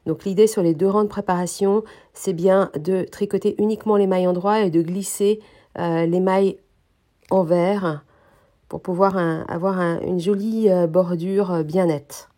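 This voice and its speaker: A woman teaching a knitting technique, explaining each step calmly with frequent hesitations, her voice slightly nasal from a cold. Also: fairly low pitch. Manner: calm, hesitant explaining with many pauses. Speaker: knitting instructor. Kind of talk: knitting tutorial.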